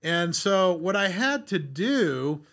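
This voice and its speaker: A man's voice: high voice, sing-song, slow pace, a bit bright. A man hosting a podcast in a casual, rambling way, with lots of fillers and restarts. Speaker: podcast host.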